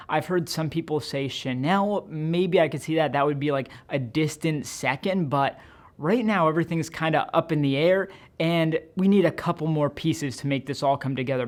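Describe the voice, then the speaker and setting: A man talks straight to his audience as host of a luxury and streetwear news vlog. His delivery is chatty and loose, with plenty of "like" and "you know" fillers. He pokes fun at himself as he goes. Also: fairly high pitch. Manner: chatty, self-deprecating, frequent "like" fillers. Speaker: fashion channel host. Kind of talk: casual fashion news commentary.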